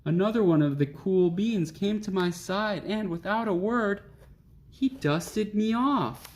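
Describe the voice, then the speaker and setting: A man voicing a wistful, self-deprecating uncool young bean in an expressive children's storybook reading. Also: high-pitched, measured pace, voice pushed up. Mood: earnest, hopeful. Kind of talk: children's picture book read aloud.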